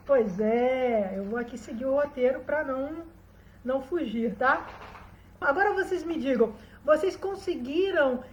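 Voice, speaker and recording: Expressive woman storyteller, high voice, roomy echo. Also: measured pace, slight background noise. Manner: dramatic, expressive telling. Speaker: storyteller and therapist. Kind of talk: storytelling to an online audience.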